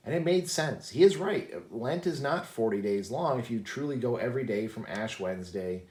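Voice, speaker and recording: A man's voice: medium pitch, expressive, normal speed, a little mellow, echoey room. A man hosting a casual vlog, telling a personal story in a rambling way with many fillers and restarts. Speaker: channel host.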